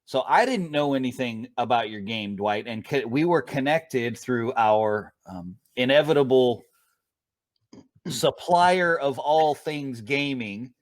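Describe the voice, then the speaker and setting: A man's voice: mid-range voice, animated, slow. A man co-hosting a podcast, chatting in a jokey, playful way. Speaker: podcast co-host. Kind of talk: casual podcast chat.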